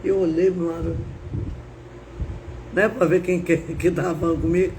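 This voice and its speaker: A woman's voice: on the low side, fairly even intonation, normal speed, warm tone, a little hiss or hum, low-quality recording. A woman preacher telling her testimony in an emotional, dramatic way, often breaking in with praise to God. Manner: dramatic, repeats praise phrases. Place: live stream.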